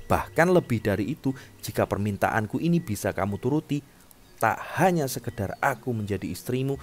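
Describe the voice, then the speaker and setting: A man's voice: lowish voice, pitched above the performer's own voice. A man voicing a young captive princess who is grieving, proud and defiant, bargaining firmly in a storybook tale. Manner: bargaining, firm.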